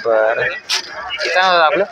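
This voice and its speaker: A man from Maharashtra reporting prices at an outdoor vegetable market, firing off quick questions and repeating each answer back. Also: a little high, expressive, low-quality recording. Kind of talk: quick on-the-spot interviews. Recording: loud crowd noise all around. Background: loud market crowd.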